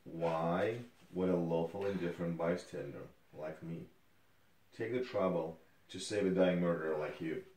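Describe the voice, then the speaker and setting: Man acting stern scornful male rescuer, dramatic scene, low voice, roomy distant recording. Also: steady tone, moderate pace, a little mellow, natural voice. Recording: echoey room, off microphone.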